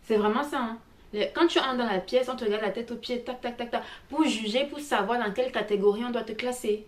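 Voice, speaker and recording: A woman's voice: fairly high pitch, a little fast. Chatty woman vlogger talking to viewers. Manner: chatty and animated, addresses viewers directly. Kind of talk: casual travel vlog.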